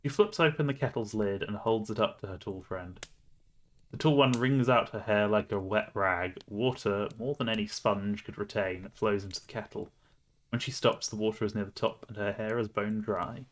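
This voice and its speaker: A man's voice: fairly low pitch, moderate pace. A man streaming a game, reading the story aloud with playful, laughing asides.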